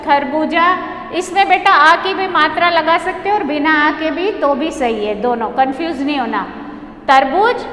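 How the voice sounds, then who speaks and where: A woman, a primary school teacher, teaching a children's poem slowly and patiently in a sing-song way, often checking with a little question. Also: high-pitched, fairly bright tone. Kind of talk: online class lesson, teaching a poem. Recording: echoey room with long reverb, faint hum.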